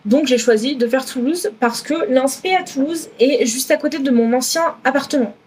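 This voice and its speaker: A woman's voice: high voice, normal speed, darkish tone, slight background noise. A woman in her twenties with a southwest French accent, talking casually in a vlog, chatty with many fillers and self-corrections. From France. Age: 20s. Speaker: student vlogger.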